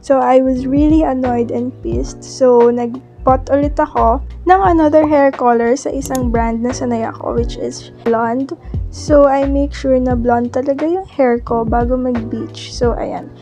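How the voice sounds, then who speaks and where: A young Filipino woman with a Filipino accent narrating her vlog in a relaxed, casual voice-over with many fillers. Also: high voice, moderate pace, faint music behind. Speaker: vlogger.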